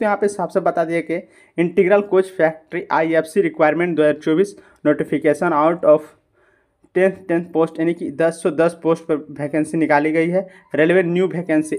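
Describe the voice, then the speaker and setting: A YouTube channel host with a high-pitched, slightly mellow voice narrates a screen-recorded tutorial, guiding viewers through the steps. He repeatedly calls his viewers friends and often asks questions only to answer them himself.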